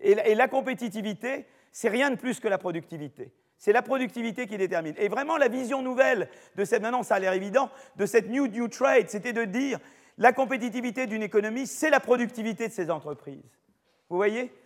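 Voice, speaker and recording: An older French-accented man teaches a university class, with a fairly high voice for a man. He talks in a loose, chatty way and often restarts his sentences with fillers. A long hall reverb trails after his voice. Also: a little fast. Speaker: professor lecturing. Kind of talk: university lecture. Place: lecture hall.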